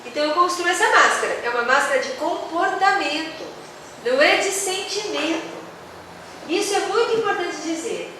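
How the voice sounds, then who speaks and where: A woman's voice: extremely high pitch, animated, normal speed, sharp tone. A Brazilian woman with a São Paulo accent leading a teaching workshop in a conversational way, asking the audience questions and acting out quoted voices. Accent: São Paulo Brazilian Portuguese. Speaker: workshop speaker for religious teachers. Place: community hall. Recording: very echoey hall, distant mic, faint noise.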